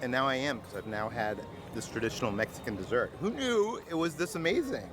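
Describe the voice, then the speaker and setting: A man's voice: medium pitch, very animated, brisk, a crowd in the background. A man doing an upbeat food review vlog at a theme park and rating dishes playfully. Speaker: food vlogger.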